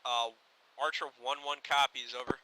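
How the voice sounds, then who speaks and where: Male military sim player, medium pitch, terse radio procedure over a noisy walkie-talkie. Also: little pitch movement, normal speed. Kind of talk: clipped military radio call-outs.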